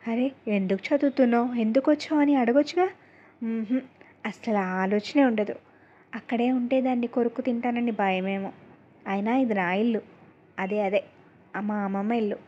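A woman narrating a first-person love story aloud in a calm, measured storytelling manner. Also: fairly high pitch. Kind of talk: reading an audio story aloud. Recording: dull lo-fi recording.

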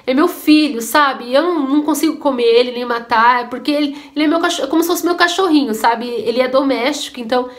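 A woman voicing a loving, gentle grandmother. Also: sits high, fast talker, hardly any pauses, close to an everyday voice. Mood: fond. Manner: fond, gentle.

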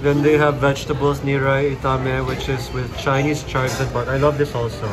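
A man's voice: mid-range voice, level tone, normal speed. A man, casually vlogging as he reads a restaurant menu aloud on a handheld phone. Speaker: food vlogger. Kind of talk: casual vlog narration. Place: restaurant indoors. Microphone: phone held by hand. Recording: loud background music.

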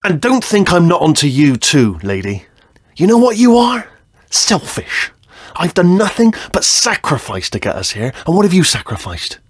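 A man's voice: on the high side, wildly swooping pitch, a little slow, slightly rough, dry recording, studio quality, exaggerated voice. A man voicing a chatty, nervous male robot sidekick in a video game, with a rambling, stammering way of talking. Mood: resentful.

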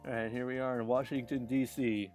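With a mid-range voice, a level tone, and a brisk, somewhat mellow delivery, this man chats through a live game stream over soft background music. He rambles, laughs frequently, and keeps restarting sentences.

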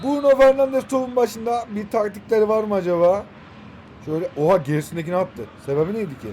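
A man in his twenties giving excited live commentary while playing a football video game, shouting player names and talking to the players on screen. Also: high-pitched, quick pace, a little hiss or hum. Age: 20s. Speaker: gaming YouTuber.

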